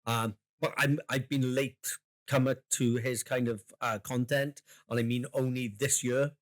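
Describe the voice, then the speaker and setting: A man's voice: medium pitch, fairly even intonation, a little slow. Man, podcast co-host, rambling, jokey, laughs a lot, casual swearing. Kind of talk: casual chat.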